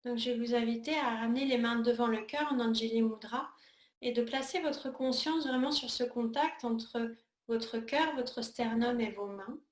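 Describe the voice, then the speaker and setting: A woman with a slightly high voice teaches yoga, guiding a meditation calmly and soothingly at an unhurried pace, pausing between short phrases. The room sound is echoey.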